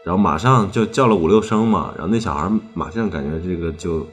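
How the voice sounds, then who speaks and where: Very deep-voiced man telling a rambling tale. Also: a little fast, faint music behind. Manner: rambling, strings clauses with "then" and repeats phrases. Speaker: storyteller on a ghost-story podcast. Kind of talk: casual chat storytelling.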